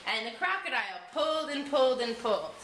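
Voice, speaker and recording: Her high voice carries a scripted storybook narration, expressive and carefully deliberate. The recording has faint noise and the echo of the room.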